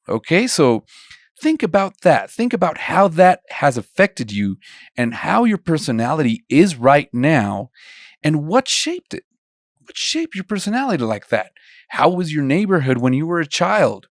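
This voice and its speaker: A young Colombian man with a fairly high voice teaches an online songwriting lesson, chatting away and peppering listeners with questions. The studio recording is clean, with no room sound.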